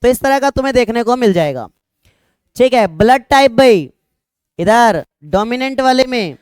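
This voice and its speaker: Smooth-voiced young male teacher. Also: extremely high pitch, lively intonation, moderate pace, a little mellow, dry recording. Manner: conversational, repeats "ठीक है" often, jokes with students. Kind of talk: classroom lecture. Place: classroom with students.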